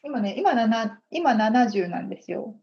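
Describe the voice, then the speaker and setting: A woman's voice: on the high side, lively intonation, unhurried, a little mellow, dull audio, slight background noise. A woman hosting a podcast in casual chat, chatty and laughing easily, with polite host phrasing.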